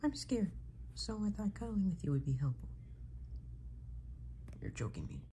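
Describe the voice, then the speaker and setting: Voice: medium pitch, big pitch swings, normal speed, vocal fry, dark tone, husky, full character voice. A performer voicing Mario as a sleepy grown man who is easily spooked and who bickers and complains, in a homemade comedy skit with toys. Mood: scared.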